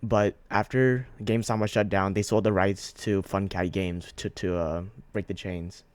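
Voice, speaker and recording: A man's voice: sits low, little pitch movement, unhurried, no echo. Man hosting, dry close voice. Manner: hesitant, rambling questions with fillers. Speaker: host, interviewer. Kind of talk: casual interview.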